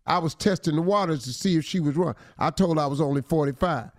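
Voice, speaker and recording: A man's voice: on the high side, fast, no room sound, clean studio sound. A man co-hosting a comic advice talk segment, teasing the letter writer and acting out his lines. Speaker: radio show co-host giving advice. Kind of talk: comic relationship advice chat.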